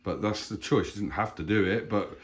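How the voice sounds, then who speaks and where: Dad vlogger with a very low voice, chatty and loose. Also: male voice, brisk. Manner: chatty, rambling, animated when retelling stories. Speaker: family vlogger, father. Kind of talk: casual chat.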